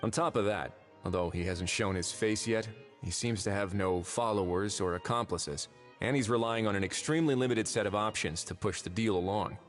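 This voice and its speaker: A man's voice: on the low side, normal speed, soft background music, natural voice. An actor voicing a composed, authoritative male investigator in a video game.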